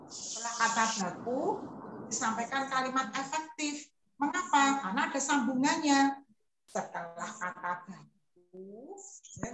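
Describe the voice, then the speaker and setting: A woman's voice: a little high, fairly bright tone, a little hiss or hum. Woman teacher, chatty lesson, echoey room, far from the mic. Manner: chatty, acts out pupils' lines. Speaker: primary school teacher. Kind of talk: classroom lesson.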